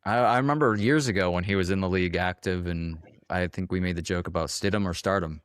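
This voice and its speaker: A man with a very low, deep voice talks football in a relaxed, unhurried way, circling back and restarting his thoughts. The sound is close and dry, with no room around it. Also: clean tone, dry recording. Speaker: podcast co-host. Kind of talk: casual sports chat.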